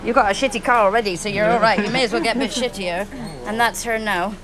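A woman's voice: mid-range voice, fast, heavy background noise. A woman chatting casually on an upbeat vlog at an outdoor animal shelter, talking to dogs and people. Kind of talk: casual handheld vlog chat.

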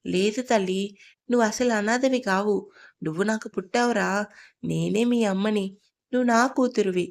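A woman playing a tender young mother in an audio story, soft and gentle, her voice dropping quieter and a little lower than the narration. Mid-pitched female tone. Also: moderate pace, gravelly, close to an everyday voice.

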